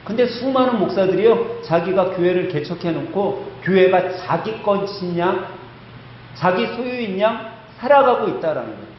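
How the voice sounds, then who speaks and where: A man's voice: high-pitched, animated, moderate pace, slight background noise. A male pastor preaching a sermon, emphatic, telling a story and putting rhetorical questions to the congregation. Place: church sanctuary. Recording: echoey church hall, slightly dull sound.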